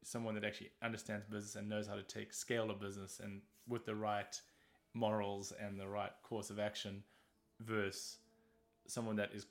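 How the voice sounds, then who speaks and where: Low gravelly guy rambling on a podcast, blunt and sweary. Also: little pitch movement, brisk. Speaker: podcast co-host. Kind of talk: casual podcast chat.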